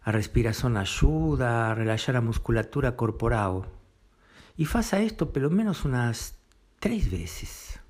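A man's gentle guided meditation unfolds step by step in brief phrases with long pauses between them. He has an expressive, mid-range voice.

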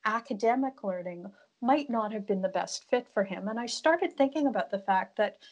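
A middle-aged woman speaks as a podcast guest. Her pitch is average for a woman. She answers in a conversational way, explaining things from her own point of view. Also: animated, moderate pace, muffled recording. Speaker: podcast guest, broadcast business host.

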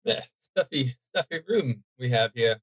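A man's voice: mid-range voice, lively intonation, unhurried, husky, dry recording, pitched below the performer's own voice. A man playing a polite, bold male bard who asks careful questions. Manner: courteous, inquisitive. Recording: dull lo-fi recording.

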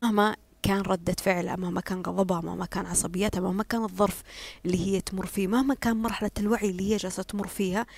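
A young woman, speaking about her own experience in an emotional, emphatic way and dropping often into breathy whispers. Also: mid-range voice, steady tone, rapid-fire, a little mellow. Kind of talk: personal reflective monologue.

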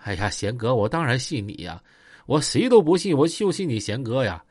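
A man's voice: mid-range voice, sing-song, a little fast, a little mellow, no echo, studio quality, pitched below the performer's own voice. A man voicing a cautious, polite ex-con who talks in a pleading, deferential way, with a Northeastern Chinese accent.

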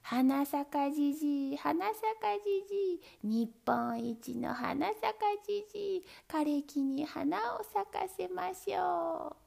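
A woman narrator plays a kind old man from a storybook, chanting in a high, sing-song voice. The tone is soft and warmhearted, with a rough, breathy grain and a lively pitch. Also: measured pace, few pauses, exaggerated voice. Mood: joyful. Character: kind, cheerful old man with magic ash.

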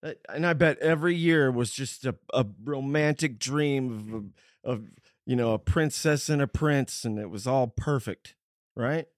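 A man's voice: mid-range voice, unhurried, dry recording, studio quality. A man hosting a podcast in casual chat, with crude, teasing, slangy banter. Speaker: podcast host.

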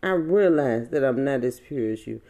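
A woman hosting a podcast, speaking a heartfelt spiritual monologue with slow, drawn-out phrasing. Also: rumbling low, expressive, dark tone. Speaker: podcast host.

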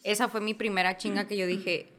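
A woman's voice: mid-range voice, level tone, fairly quick, fairly bright tone. A woman with a Mexican accent in casual chat, rambling in slangy speech with many fillers.

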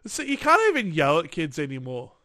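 Man, podcast co-host, high bright voice, very lively pitch, laughs and mock shouts. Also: brisk, no room sound, studio quality. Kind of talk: casual chat.

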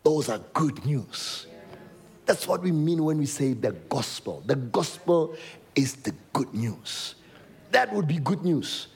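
High, gravelly South African preacher man. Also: slow pace. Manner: lively storytelling preacher, repeats words for emphasis. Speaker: pastor. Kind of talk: sermon.

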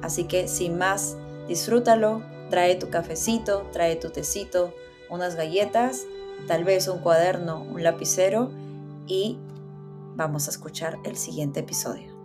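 A woman's voice: lowish voice, measured pace, music in the background. A woman hosting a podcast, upbeat and welcoming as she greets listeners and interviews her guest. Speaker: podcast host.

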